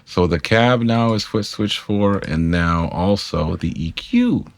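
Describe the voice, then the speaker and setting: A man's voice: on the low side, slow pace, vocal fry, dry recording. A man giving a casual step-by-step tutorial, chatty and self-correcting, speaking straight to his viewers. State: talking with a pick in his mouth. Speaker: guitar gear tutorial maker. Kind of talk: casual screen-capture tutorial.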